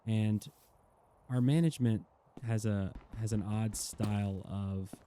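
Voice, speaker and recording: A man's voice: on the low side, fairly even intonation, slow, warm tone, slight background noise. A man in his thirties giving casual, rambling and earnest commentary over a game, chatting to the viewer and teasing the animals in the game. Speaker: gaming YouTuber.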